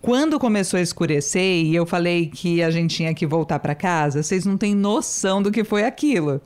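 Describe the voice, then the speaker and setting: A woman's voice: fairly low pitch, animated, fairly quick, darkish tone, clear, resonant tone. A woman hosting a casual conversation, chatty and telling a personal story about her young son.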